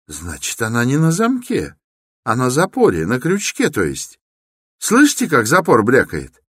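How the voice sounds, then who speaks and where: A man reading an audiobook, voicing an eager, excitable young law student who talks urgently and insistently. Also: mid-range voice, slow, no echo, studio quality, pitched above the performer's own voice, full character voice. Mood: excited.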